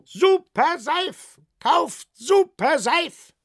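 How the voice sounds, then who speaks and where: A man voicing a pushy, loud fairground soap seller in a children's story, with a high, hawking shout. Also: animated, very slow, no room sound, studio quality, heavily acted.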